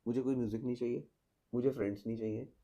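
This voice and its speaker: A man's voice: medium pitch, steady tone, rapid-fire, warm tone. A man, a teacher giving earnest advice as a podcast guest and mixing English phrases into his Hindi.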